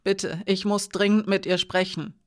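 The narrator voicing a restless young woman guard who pleads urgently and loudly. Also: mid-range voice, steady tone, unhurried, natural voice. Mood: urgent, pleading. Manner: pleading, agitated, talks loud.

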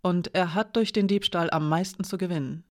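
A narrator voicing a watchful young woman who reasons calmly, in an audiobook. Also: medium pitch, fairly quick, no room sound, clean studio sound, lightly acted. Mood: measured.

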